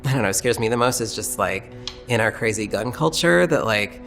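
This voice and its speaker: A drag performer talks casually in a documentary interview. The voice sits at a middle pitch, with music clearly playing behind. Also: animated, moderate pace, a bit bright.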